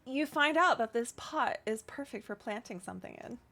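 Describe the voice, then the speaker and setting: Female game master, higher-pitched, conversational tabletop narration. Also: animated, normal speed, pushed and bright, slight background noise.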